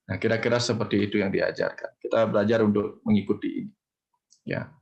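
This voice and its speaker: A man from Bali giving a calm spiritual talk, explaining things step by step and teaching through parables. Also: fairly low pitch, creaky, highs cut off. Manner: measured, explanatory, uses parables. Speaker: spiritual teacher answering questions.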